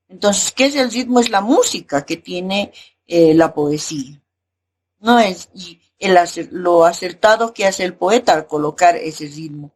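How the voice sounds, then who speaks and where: Husky woman teacher explaining verse. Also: on the low side. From Bolivia. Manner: explanatory, asks rhetorical "¿no?" often, hesitant fillers. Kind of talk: recorded class lesson.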